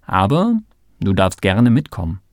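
A patient young dig assistant who explains things calmly, as a man reads him aloud. The voice sits a bit lower than the narration, lively in melody and unhurried, recorded close and dry. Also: no room sound. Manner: calm, gently explaining. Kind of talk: storybook read-aloud.

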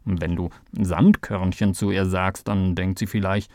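A man voicing a patient young male archaeology assistant in a children's storybook, calmly explaining. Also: low voice, unhurried, no room sound, studio quality, pitched below the performer's own voice. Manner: calm, gently explaining. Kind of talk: storybook read-aloud.

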